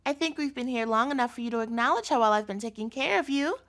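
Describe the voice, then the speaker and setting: Slightly high and fairly bright, her voice comes out fast as she performs a scripted audio roleplay. She's an obsessive captor girlfriend talking straight to the listener, sweetly cutesy but menacing, in a doting, insistent mood.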